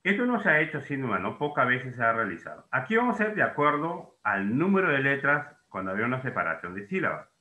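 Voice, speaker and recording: Animated, bright-voiced male teacher. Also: mid-range voice, fast talker, hardly any pauses, reverberant. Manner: explains in questions, voicing students' doubts himself. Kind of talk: classroom lesson.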